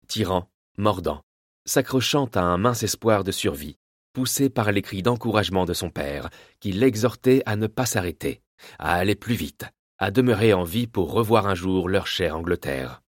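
A man reading an adventure novel aloud in a measured, dramatic storytelling manner. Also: deep voice, lively intonation, dry recording, clean studio sound. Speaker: audiobook narrator. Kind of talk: scripted narration.

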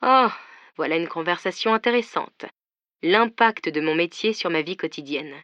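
A woman voicing a tender, confident man who courts his partner by phone, hushed and soft in an audiobook reading. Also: on the low side, lively intonation, moderate pace, no echo, lo-fi sound.

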